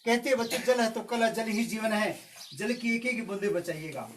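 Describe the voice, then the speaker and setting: A man performs as a kids party magician, keeping up playful, teasing patter full of questions for the children. He is heard at a distance from the microphone, with clear noise over the recording. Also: sits high, normal speed. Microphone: far from the mouth. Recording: distant mic, noisy with clicks and birds.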